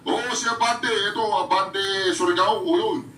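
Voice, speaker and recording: A man's voice: sits high, fairly even intonation, normal speed, sharp tone, reverberant, recorded from a distance, slight background noise, low-quality recording. Taunting man laughing constantly. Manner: taunting, bursts into frequent laughter; addresses viewers directly. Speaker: reaction vlogger. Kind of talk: mocking reaction commentary.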